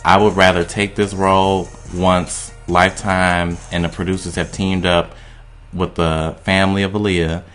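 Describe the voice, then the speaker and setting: A man's voice: sits low, flat delivery, unhurried, fairly bright tone, soft background music. A man co-hosting a radio talk show, giving emphatic, opinionated takes in long run-on sentences. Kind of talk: casual opinion chat.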